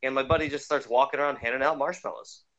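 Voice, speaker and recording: A man's voice: medium pitch, steady tone, fast talker, fairly bright tone, highs cut off. A man telling a loose, laughing anecdote in casual podcast chat. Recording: faint background noise.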